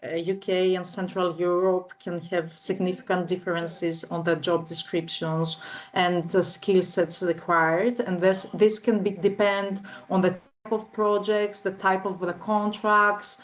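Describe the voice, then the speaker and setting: Slightly muffled audio captures a woman in her thirties from northern Greece answering interview questions as a guest. Her voice sits on the low side and is flat, and her delivery is slow, careful and hesitant, often broken up by fillers.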